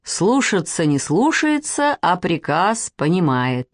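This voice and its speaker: A woman reading a storybook, voicing a boastful middle-aged military officer who barks drawn-out commands. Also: fairly low pitch, big pitch swings, dry recording, studio quality. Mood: admiring.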